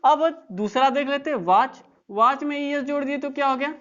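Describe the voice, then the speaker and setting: Lady teacher running an online grammar class, fairly high voice, keeps checking everyone gets it, a bit muffled. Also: moderate pace, a bit bright. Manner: explains step by step, often checks in with the class. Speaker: English teacher.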